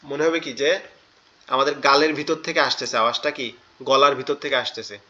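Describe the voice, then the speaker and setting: A man's voice: mid-range voice, fast, pushed and bright, lo-fi sound. A man teaching Quran recitation in an online class, patiently repeating each letter sound and explaining where it is formed. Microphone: online class audio.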